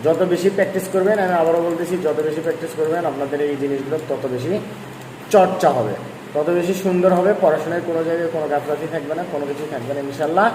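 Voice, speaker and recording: This online lesson comes from a man with a fairly high pitch who speaks very quickly. Patient and repetitive, he keeps restating points and urging his students to practice, recorded in an echoey space with a little background noise.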